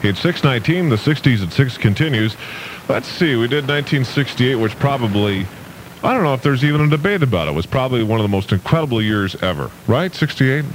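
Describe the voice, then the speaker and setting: A man's voice: mid-range voice, sing-song, quick pace, slight background noise, low-quality recording. A man working as an oldies radio DJ, talking in casual on-air patter. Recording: radio broadcast over loud music. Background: loud music.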